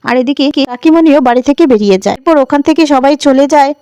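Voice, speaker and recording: A woman casually retelling the plot of a TV serial for her channel, in a brisk, plain storytelling manner. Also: high-pitched, dark tone, no room sound. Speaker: channel host.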